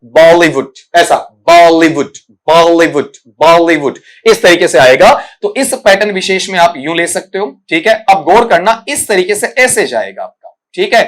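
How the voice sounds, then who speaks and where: Guy teaching english for exam prep, kinda high voice, patient, repeats sounds one by one, keeps saying beta. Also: very animated, moderate pace, few pauses, fairly bright tone. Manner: patient, explanatory, calls students "beta", frequent "thik hai" check-ins. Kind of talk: recorded exam-prep lesson.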